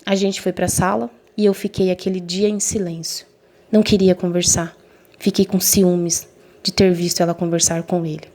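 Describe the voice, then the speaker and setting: A woman's voice: fairly low pitch, level tone, normal speed, mellow. Young woman telling a dramatic story. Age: young adult. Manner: emotional, voices quoted friends and mother lightly. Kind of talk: first-person story narration.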